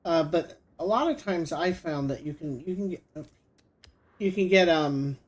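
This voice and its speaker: A man's voice: on the high side, moderate pace. A middle-aged man giving casual commentary while he plays, thinking aloud with lots of fillers. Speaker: gaming streamer.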